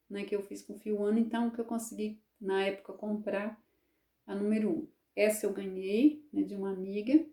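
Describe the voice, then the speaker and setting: A woman in her fifties with a mellow, medium-pitched voice and some vocal fry chats casually to camera as a crochet vlogger. She sounds homely and uses lots of little tag questions. The recording is in an echoey room.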